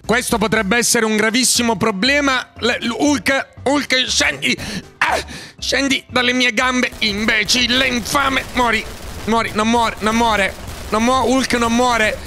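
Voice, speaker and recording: A man giving loud, hyperactive gameplay commentary, often shouting and breaking into sing-song outbursts. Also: very high voice, a little slow, faint music behind. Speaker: gaming YouTuber.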